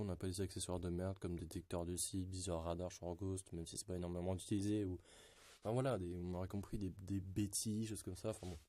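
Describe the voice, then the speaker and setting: A man's voice: low voice, dark tone, no echo. A man talking casually about video games, rambling with many fillers and restarts. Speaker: gaming YouTuber. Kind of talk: casual gaming commentary.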